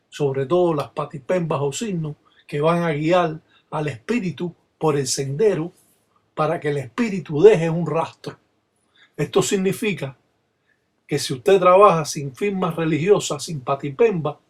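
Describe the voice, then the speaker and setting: A man, a Palo Mayombe practitioner, explaining a ritual in Spanish and reciting its chants in a steady rhythmic way. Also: fairly high pitch. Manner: rhythmic call-and-response recitation.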